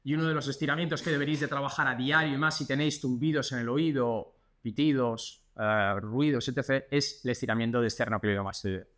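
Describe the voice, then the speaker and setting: A man's voice: medium pitch, steady tone, fast, few pauses, fairly bright tone. A man with a Spanish accent from Spain, working as a physiotherapist, demonstrating exercises in a chatty, instructive way and counting the repetitions aloud.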